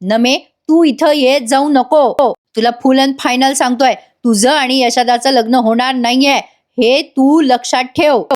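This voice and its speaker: A woman reading the lines of a blunt, hot-tempered young village man who scolds loudly. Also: high voice, fairly even intonation, measured pace. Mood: scolding. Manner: shouting, scolding.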